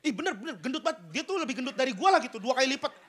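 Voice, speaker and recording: A man performs stand-up comedy on a television studio stage. His voice sits very high and sounds bright and sharp. He tells the story in an animated way and acts out the sound effects himself. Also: very fast.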